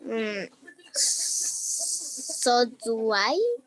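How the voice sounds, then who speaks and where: A man voicing a hesitant young female student who gives unsure, halting answers in class. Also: very high-pitched, big pitch swings, fairly bright tone, dry recording, voice pushed up, heavily acted.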